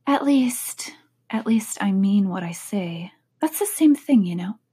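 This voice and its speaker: A woman voicing a proper, indignant young girl with a prim, sharp way of speaking. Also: medium pitch, expressive, unhurried, slightly rough.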